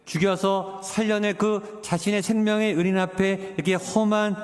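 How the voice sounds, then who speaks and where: A man delivers a sermon in a fairly high voice. He presses hard on the key points, then sinks to quiet, drawn-out phrases. The sound rings with a long reverb, as in a hall. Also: flat delivery. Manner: preaching with emphatic rises and quiet, slowed drops. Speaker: pastor.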